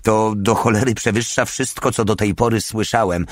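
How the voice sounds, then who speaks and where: A man voicing a crude, quick-tempered soldier in an audiobook, taunting and explosive. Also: on the low side, steady tone, no room sound, clean studio sound, pitched above the performer's own voice, natural voice. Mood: mocking. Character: coarse, brawling male soldier.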